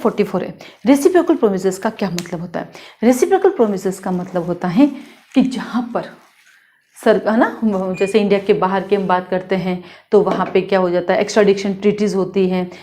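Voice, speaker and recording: A woman law teacher with an Indian accent, schooled in Hindi, lecturing in a lively way and repeating points with quick questions to her students. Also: mid-range voice. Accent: Hindi-medium Indian English words. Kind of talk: classroom lecture.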